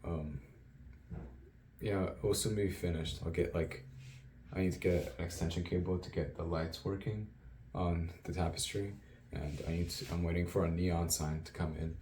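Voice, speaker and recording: A man's voice: low-pitched, steady tone, normal speed, darkish tone, a little hiss or hum. A young man, a university student, telling his day in a rambling, self-amused diary vlog, laughing often. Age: young adult. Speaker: student vlogger.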